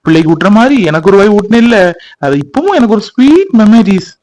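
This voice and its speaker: Guy doing a sweet joking young village husband, kinda high voice. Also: very animated, quick pace, darkish tone. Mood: affectionate. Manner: affectionate, playful and coaxing. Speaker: husband in family skit. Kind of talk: village family drama acting.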